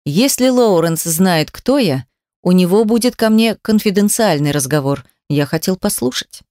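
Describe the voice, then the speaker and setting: Brief: female audiobook narrator, steady and measured, mid pitch, dry close-miked sound. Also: no echo. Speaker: audiobook reader. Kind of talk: scripted first-person novel narration.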